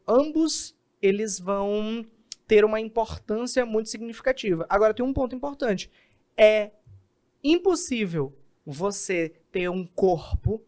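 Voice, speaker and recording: A man, a communication specialist, explaining in an animated podcast interview and acting out examples. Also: high voice. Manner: animated, acts out examples in quoted voices.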